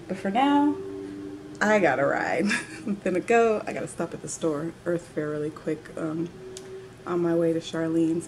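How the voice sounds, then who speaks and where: A woman's voice: lowish voice, slight background noise. A young adult woman chatting casually to camera in her living room, bubbly and laughing often between phrases. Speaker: vlogger. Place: living room at home, indoors.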